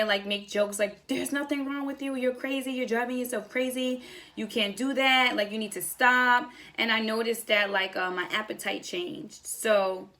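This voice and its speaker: Speaking in a slightly high voice with a sharp tone, a young woman vlogger recounts a personal story casually, vlog-style, acting out snippets of dialogue as she goes.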